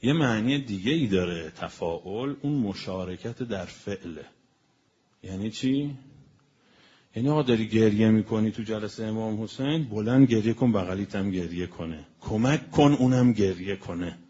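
A man giving a colloquial religious sermon as a preacher. He spells out word meanings slowly and with emphasis, then speeds up. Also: fairly low pitch, expressive, dark tone, slightly rough. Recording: dull lo-fi recording with faint noise.

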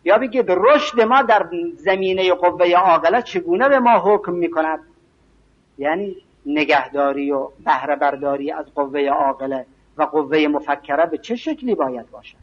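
A man giving an evening religious lecture, speaking slowly and emphatically and reciting scripture and verse. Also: a little high, animated. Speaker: preacher. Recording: dull lo-fi recording.

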